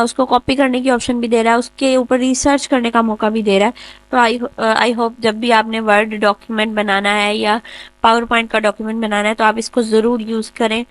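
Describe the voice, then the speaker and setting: A woman tutor patiently talking through a screen-recorded software lesson step by step. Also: on the high side. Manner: patient step-by-step explaining, often repeats "okay, done". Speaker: computer tutor.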